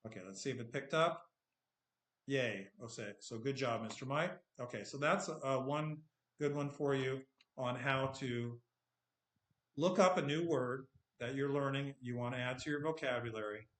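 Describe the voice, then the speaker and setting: American guy teaching english, california accent w a bit of texas, keeps saying okay, mid pitch, echoey. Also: normal speed, a bit bright. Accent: Californian American with a little Texan. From United States. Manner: patient, repeats and checks with "okay?". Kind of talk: screen-share tutorial lesson.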